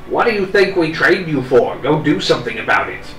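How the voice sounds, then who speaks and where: A man voicing a blunt, stern old veteran in a tabletop game, loud and challenging. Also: mid-range voice, steady tone, brisk, close to an everyday voice. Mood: stern challenge. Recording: roomy, distant mic, music underneath.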